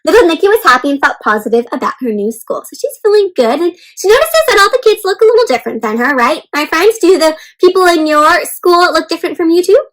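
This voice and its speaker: A woman with a high-pitched voice reads an interactive storybook aloud to young children, moving quickly with few pauses. Like an expressive, encouraging teacher, she speaks to her little listeners with questions and commentary.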